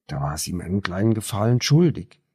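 A man narrating a novel as an audiobook, measured and even. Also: low-pitched, husky, no room sound, clean studio sound.

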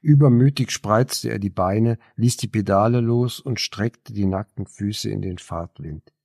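A man narrating a novel as an audiobook, measured and even. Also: on the low side, creaky, dry recording, studio quality.

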